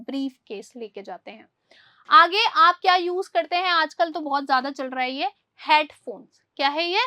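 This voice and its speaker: A woman teaching a vocabulary lesson. She asks a question, answers it, and has each word repeated, lifting her voice on each new word and dropping soft on the answers. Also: extremely high pitch.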